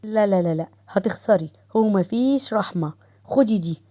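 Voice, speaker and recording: A woman's voice: mid-range voice, expressive, moderate pace, warm tone, lightly acted. A woman voicing a boastful, teasing young husband with an Egyptian accent. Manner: teasing, coaxing.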